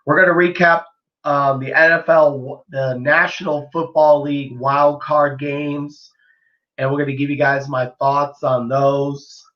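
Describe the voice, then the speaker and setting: A man hosts a casual live-stream sports podcast, his fairly high voice a little worn after he nearly lost it. He speaks unhurriedly with little pitch movement, rambling easily with many ums and restarts. The recording is muffled.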